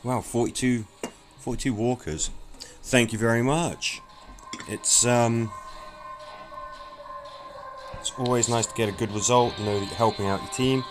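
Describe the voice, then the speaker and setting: A man's voice: mid-range voice, fairly even intonation, unhurried, pauses often, low-quality recording. A man chatting casually as he plays a strategy game, thinking aloud with small restarts. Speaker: gaming streamer. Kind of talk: casual let's-play commentary. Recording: game music playing behind.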